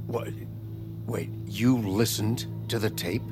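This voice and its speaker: In an audio drama, a male actor with a lowish voice plays an impatient, sarcastic, commanding army corporal, delivering his lines slowly in a clipped, threatening way. He sounds angry and affronted, and music plays in the background.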